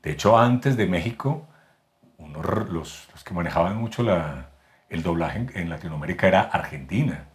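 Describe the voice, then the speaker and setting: A man with a paisa accent from Medellín speaks as a podcast guest, explaining things at length in a somewhat low voice. He often restarts his sentences and repeats words while he searches for the right phrasing. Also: expressive, moderate pace. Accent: Colombian paisa (Medellín). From Medellín, Colombia. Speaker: guest voice actor and announcer. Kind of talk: casual podcast interview.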